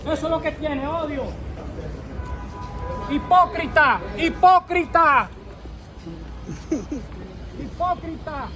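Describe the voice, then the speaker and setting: A man in his fifties from New York, heckling at an outdoor rally, shouting and repeating taunts in English and Spanish. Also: very high-pitched, slow, long pauses, over music. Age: 50s. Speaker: street protester. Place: outdoors by a city building. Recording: crowd and street noise. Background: crowd, traffic.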